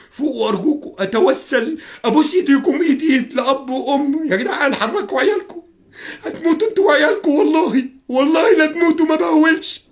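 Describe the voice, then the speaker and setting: A man's voice: sits high, fairly bright tone. A young Egyptian man ranting on a live stream, furious, cursing and pleading with his viewers. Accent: Egyptian Arabic. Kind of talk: angry political livestream rant.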